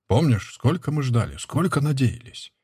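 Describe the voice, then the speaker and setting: Reader doing a bitter bearded deserter, curt and husky, mid pitch. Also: male voice, expressive, normal speed, mellow, dry recording, studio quality. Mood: brooding. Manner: low, curt and brooding. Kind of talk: audiobook character reading.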